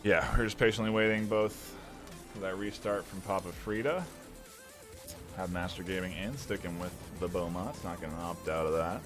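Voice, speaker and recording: A man with a deep, low voice casts a competitive video game match, calling the play and filling the dead air with league plugs. His tone is upbeat and promotional. Faint music plays underneath. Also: steady tone, normal speed. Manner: upbeat, promotional, talks through delays. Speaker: esports caster. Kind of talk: play-by-play esports commentary.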